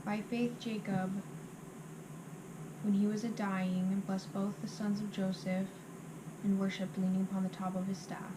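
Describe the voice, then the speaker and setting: A woman recites scripture by rote in a flat, narrow-ranged voice at a medium pitch. Her phrases come in short, halting pieces, as if recalled from memory. The recording has clear background noise. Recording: clearly noisy amateur recording.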